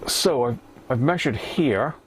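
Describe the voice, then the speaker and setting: Taking his time, a British man with a mid-range voice and lively intonation mutters and thinks out loud while working on radios, hosting a casual livestream as a hobbyist repairer. There is a little hiss or hum.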